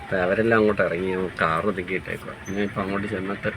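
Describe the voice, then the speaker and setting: A woman's voice: rumbling low, steady tone, racing. A woman vlogging her child's school day, chatting to viewers and teasing her daughter with questions, outdoors at a busy school on a rainy day. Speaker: family vlogger and mother. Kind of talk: casual vlog narration to viewers. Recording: noisy phone audio with a crowd. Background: crowd of parents and children, background noise.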